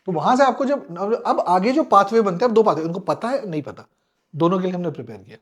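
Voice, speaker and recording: A middle-aged man with a high, bright speaking voice tells a long story as an interview guest. He talks in a lively way, acts out the people he quotes and drops English phrases into his sentences. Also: quick pace. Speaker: guest, former fighter pilot.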